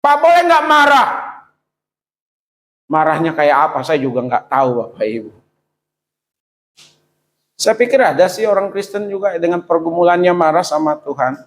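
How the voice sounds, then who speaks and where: A middle-aged man preaching a sermon, addressing the congregation directly with rhetorical questions and swinging between high pleading exclamations and low quiet asides. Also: low-quality recording. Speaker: pastor.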